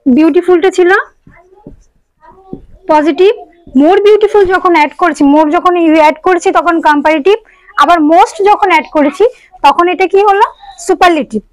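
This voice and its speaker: A woman teaches English grammar. She goes step by step and mixes English terms into her talk. Her voice is high and sits dry and close to the mic. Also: moderate pace, long pauses, dry recording, rough recording. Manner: explains step by step, asks students questions. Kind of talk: online grammar lesson.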